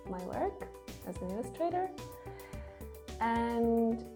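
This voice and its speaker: A woman who speaks natively, talking gently and thoughtfully with frequent pauses in a casual vlog from her home studio. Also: medium pitch, creaky. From Estonia. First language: Estonian. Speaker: children's book illustrator.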